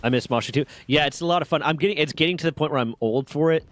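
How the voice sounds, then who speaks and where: A man in his thirties streams a game and chats casually, rambling through stories and swearing along the way. His voice is on the high side and comes out rapid-fire.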